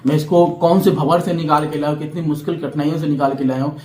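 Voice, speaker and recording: A man's voice: fairly high pitch, steady tone, fast, warm tone, roomy sound. A young man from Bihar, vlogging to camera in a heated, defiant monologue that lectures and keeps checking that his listeners understand. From Bihar, India.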